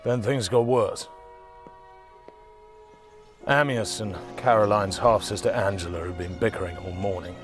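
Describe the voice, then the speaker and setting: A man plays an upper-class Englishman narrating his memories in a period television drama. He is measured and wry, in a fairly low voice. Music runs clearly underneath. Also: fairly even intonation, close to an everyday voice. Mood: wry, reflective.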